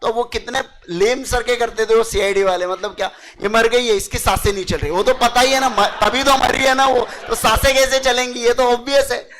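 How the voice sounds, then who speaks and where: A man's voice: extremely high pitch, fairly even intonation, a little fast, few pauses, a bit bright, low-quality recording. A young man giving a chatty lecture to students. He mixes in English terms and keeps checking that they understand. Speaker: teacher. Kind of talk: casual classroom lecture.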